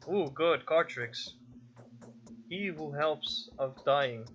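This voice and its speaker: A man's voice: a little high, takes it slowly, fairly bright tone. A man casually commenting on a game he plays, reading its text aloud and musing to himself with restarts and self-corrections. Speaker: gaming video host. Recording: slightly dull lo-fi audio with faint game music.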